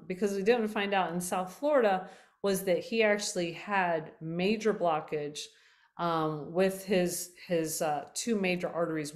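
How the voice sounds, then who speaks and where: A middle-aged woman hosting a casual health talk for her viewers, chatty, full of fillers and self-corrections, her voice a little worn as if she is losing it. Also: on the low side.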